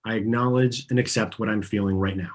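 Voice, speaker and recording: Fast and on the low side, with fairly even intonation, an Argentine-born, US-raised man earnestly guides a group through a tapping session. He asks listeners to repeat his phrases.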